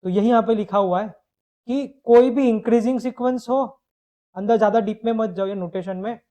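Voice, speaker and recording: A man's voice: sits high, brisk, dark tone. A man teaching a live online math lecture. He explains step by step, asks questions and answers them himself, and mixes English phrases into his explanation.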